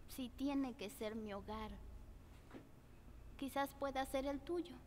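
Anxious sweet cartoon girl, high voice, slow and hesitant, big reverb. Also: slight background noise. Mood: gently reassuring. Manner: hesitant, soft-hearted. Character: anxious, gentle, caring young woman in cartoon.

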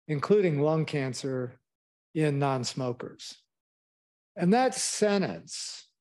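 An older man lecturing in a rambling, reflective, halting way, as a professor advising students. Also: on the high side, a little mellow. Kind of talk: public lecture, advice to students. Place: indoor lecture room. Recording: echoey lecture room.

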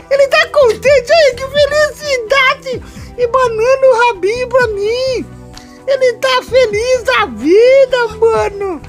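A tiny toy doll with a Brazilian Portuguese accent, whose voice sits extremely high and squeaky. He drags his words out slowly in a whiny, tearful plea. Faint music plays behind him. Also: heavily acted. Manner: whiny, tearful pleading with frequent giggles. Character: squeaky little male toy doll, needy and eager for friends. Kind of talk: comic voice-over for a home video.

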